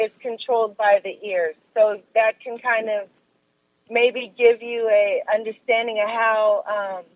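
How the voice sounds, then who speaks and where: A woman who practises massage talks in a calm, explanatory way as an interview guest, calling in on speakerphone while she drives. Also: a little high, no room sound. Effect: speakerphone call from a car. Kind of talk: casual interview chat. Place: driving in a car. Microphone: phone on speaker. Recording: tinny dry phone line.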